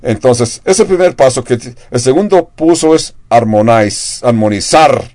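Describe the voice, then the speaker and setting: A man's voice: mid-range voice, measured pace, a little mellow, no room sound. Older male pastor, sermon delivery, rhetorical questions, dry close recording. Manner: preaching with rhetorical questions to the congregation.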